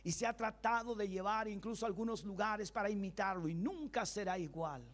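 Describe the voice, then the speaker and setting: A male pastor with a high voice preaches a Sunday sermon at a brisk pace. He poses rhetorical questions to the congregation, draws call-and-response, and acts out everyday excuses in quoted voices.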